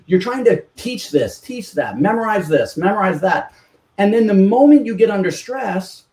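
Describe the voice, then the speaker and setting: A male podcast guest, something of a communication coach, explains ideas and teaches with examples during an interview. His voice is a little high and slightly mellow, recorded from a distance, so the sound is off-mic and roomy.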